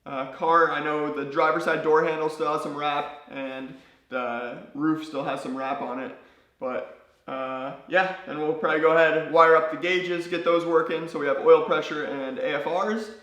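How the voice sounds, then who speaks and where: A hoarse young man losing his voice, chatting casually to his vlog audience in a garage, rambling with plenty of fillers. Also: a little high. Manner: relaxed, rambling, many fillers. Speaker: car-build YouTuber. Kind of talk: casual vlog talk to camera. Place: home garage. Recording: echoey garage.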